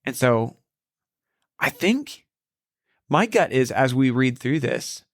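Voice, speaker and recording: A man's voice: medium pitch, big pitch swings, slow pace, no room sound. Guy chatting about scripture on a church podcast, lots of ums and likes, dry close sound. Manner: thinks aloud, many fillers. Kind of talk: casual Bible study discussion.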